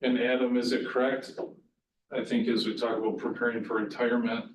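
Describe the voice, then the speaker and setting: A man on a county board asking a measured question during a meeting. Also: mid-range voice, flat delivery, slight background noise. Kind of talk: meeting discussion. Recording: distant mic in echoey room.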